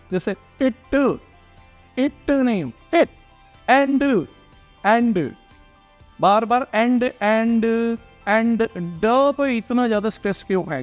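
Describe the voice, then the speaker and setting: A man with a high voice teaches as an exam-prep tutor, explaining patiently and checking in with his listeners. He slows down to model each English word. Faint music plays underneath. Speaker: IELTS tutor. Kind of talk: Hindi-English teaching talk.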